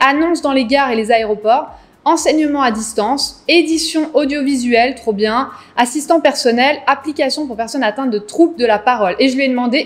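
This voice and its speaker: A woman hosting a casual business vlog, chatty and enthusiastic, piling on superlatives as she talks to her viewers. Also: sits high. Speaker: business content creator host. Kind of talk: casual vlog talk to camera.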